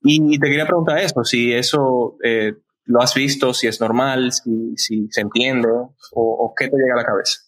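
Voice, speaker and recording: Man, podcast host, frank questions, rambling restarts, mid-pitched voice. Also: fairly even intonation, normal speed, poor audio. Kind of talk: casual podcast conversation.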